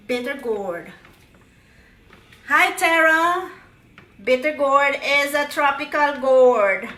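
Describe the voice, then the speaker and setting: A middle-aged home cook vlogger with a high, pushed, bright voice jokes playfully through a casual recipe demo, tossing out cheerful "ta-da" exclamations. A camera mic across the kitchen captures her from a distance, along with roomy echo and faint clatter.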